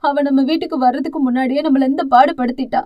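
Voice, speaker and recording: A woman's voice: sits high, steady tone, quick pace, dull audio, close to an everyday voice. A woman voicing a grieving, fearful mother who laments through tears, in an audio novel. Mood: anguished. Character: anguished mother, weeping and fearful.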